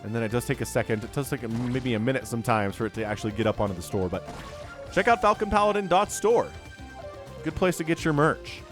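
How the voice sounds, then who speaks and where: With faint music in the background, a man casts a strategy game match quickly in his mid-range voice, stuffy from a cold. He's a StarCraft caster and show host whose casual commentary is chatty, full of jokes, and lively whenever fights break out.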